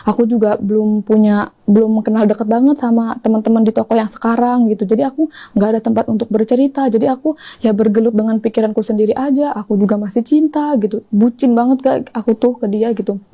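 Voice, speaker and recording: A young woman tells her story in a rush. Her voice sits slightly high but warm and mellow, and she moves quickly from one quoted exchange to the next. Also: fairly even intonation. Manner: rapid, breathless retelling full of quoted dialogue. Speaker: interview guest. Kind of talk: confessional storytelling.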